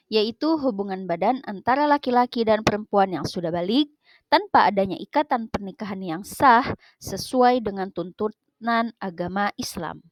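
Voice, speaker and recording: A woman, teaching a religious studies lesson in a slow, careful, scripted way. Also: medium pitch, dry recording, poor audio. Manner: slow, careful, measured delivery with Quranic recitation.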